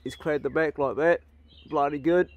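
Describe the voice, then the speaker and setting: A man's voice: on the high side, steady tone, normal speed. A middle-aged man with a broad New Zealand accent chatting casually as a vlog host, laid-back and slangy. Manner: laid-back slangy talk, ending with "eh" and "bro". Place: outdoors on rural land. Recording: noisy outdoor ambience.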